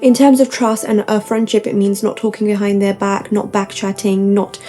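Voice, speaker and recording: A woman's voice: medium pitch, level tone, normal speed, warm tone, faint music behind. A young woman giving upbeat, tidy self-help advice to camera, point by point, with gushing emphasis and repetition.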